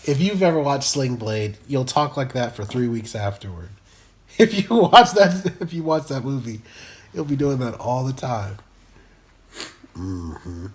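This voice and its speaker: A man's voice: mid-range voice, lively intonation, normal speed, a little mellow. Man, vlog co-host, mid voice, rambling and jokey. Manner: rambling, jokey, self-correcting. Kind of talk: casual chat.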